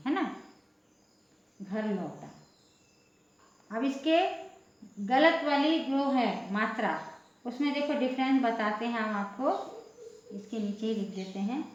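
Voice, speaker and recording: A woman teaching a Hindi lesson, explaining patiently, repeating words and checking that listeners follow. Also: a little high. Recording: echoey room, dull lo-fi sound.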